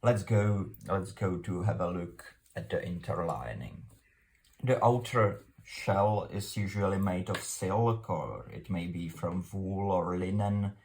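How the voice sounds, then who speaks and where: Low-pitched and a little mellow, this Czech man keeps a steady tone as he gives an unscripted, informal explainer in his accented English. He's a native Czech speaker who hesitates and halts often, yet chooses formal wording.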